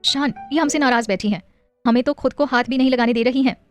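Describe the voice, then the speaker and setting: A woman's voice: sits high, quick pace, no room sound, faint music behind, pitched above the performer's own voice, close to an everyday voice. A woman voicing a firm but loving young wife and mother in an audio story, with a teasing, affectionate scolding manner.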